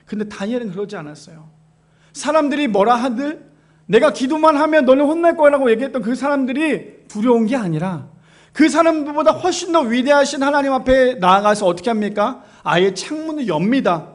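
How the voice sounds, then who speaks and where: A man in his thirties preaches a Sunday sermon in a church with a notably high-pitched voice. He talks straight to his congregation, asks them questions and drops into a softer voice when he quotes. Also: animated, fairly quick. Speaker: pastor. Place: church sanctuary.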